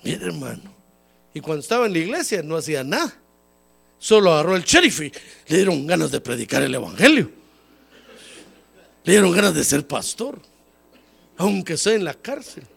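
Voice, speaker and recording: Gravelly, lively-pitched preacher with a cold. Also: male voice, normal speed, long pauses. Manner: folksy, repeatedly calls listeners "hermano"; acts out quoted voices, rising high when emphatic. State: has a cold. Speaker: pastor. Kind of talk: sermon. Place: church service.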